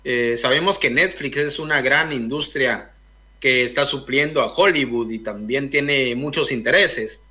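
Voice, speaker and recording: A young man from Guatemala, a filmmaker guest in a radio interview, speaking thoughtfully with many pauses and fillers over a video call. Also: medium pitch, sharp tone. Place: indoor room, video call.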